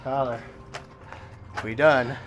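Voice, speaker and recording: A young man hosting a vlog, worn out and shivering after a night run, talking excitedly and laughing between tired remarks. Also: medium pitch, slow, soft background music. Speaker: podcast host. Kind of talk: casual vlog chat.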